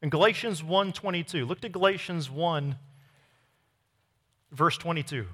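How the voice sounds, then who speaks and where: Bright-voiced male preacher in a hall. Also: on the high side, a little slow, breathy edge. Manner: emphatic preaching, swings from loud to hushed. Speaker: pastor. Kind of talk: sermon.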